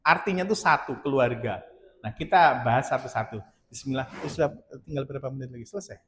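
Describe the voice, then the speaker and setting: A man's voice: medium pitch, fast, roomy sound, slight background noise. A man giving a humorous religious talk at a marriage seminar, acting out little dialogues with laughter. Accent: Indonesian.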